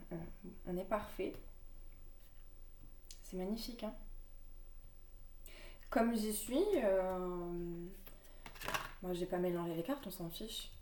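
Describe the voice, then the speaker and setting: A woman reading oracle cards aloud, with gentle, musing asides and fillers between readings. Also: fairly low pitch, slow pace, long pauses, noisy background. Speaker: card reader. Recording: echoey room, voice from a distance.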